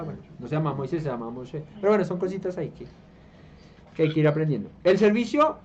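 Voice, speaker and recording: A Colombian man leads a home Bible study, his voice sitting somewhat high, and he keeps checking that his listeners follow along. He restarts phrases as he explains. The recording is dull and low-fi, with a faint hiss underneath. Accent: Colombian Spanish. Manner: conversational, asks listeners "¿listo?" and "¿sí?" often; hesitant restarts while explaining. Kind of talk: informal group Bible study.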